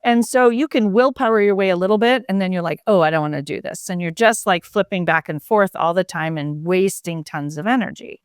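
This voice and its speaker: Woman, physician guest, mid-pitched, reflective, chatty explanations, dry sound. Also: brisk, few pauses, clear, resonant tone, dry recording. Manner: reflective, explanatory, many fillers. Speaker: physician and mindfulness coach, podcast guest. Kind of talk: conversational interview.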